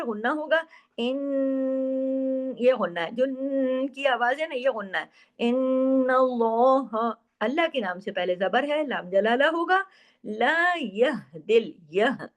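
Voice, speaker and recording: A woman teaching Quran recitation rules, explaining patiently, asking and answering her own questions, and stretching words slowly to demonstrate. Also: sits high. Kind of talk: tajweed lesson with slow demonstrations.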